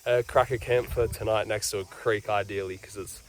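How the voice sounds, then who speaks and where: A man's voice: on the low side, fairly even intonation, moderate pace, a little hiss or hum. An Australian man chatting casually to camera outdoors on a camping trip, easygoing and rambling with loose, trailing sentences. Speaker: vlogger on a four-wheel-drive camping trip. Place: outdoors in the bush.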